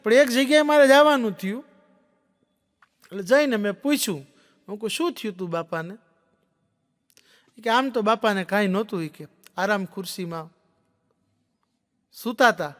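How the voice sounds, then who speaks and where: A stand-up comedian with a fairly high, slightly bright voice tells folksy joke stories at a normal speed, pausing often and acting out the dialogue. The audience laughs, and the recording carries a long hall reverb.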